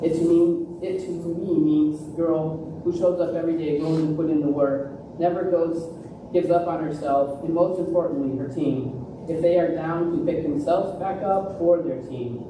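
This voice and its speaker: A woman's voice: low voice, fairly even intonation, moderate pace. A woman speaking earnestly as a coach presenting an award at a podium. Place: large echoey room at a live ceremony. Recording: echoey hall, distant mic, noisy.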